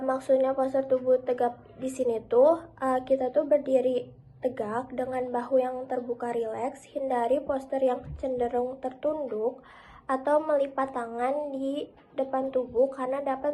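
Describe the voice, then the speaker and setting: A woman's voice: sits high, darkish tone, poor audio. A young woman student presenting a training module, explaining steadily with frequent hesitation fillers.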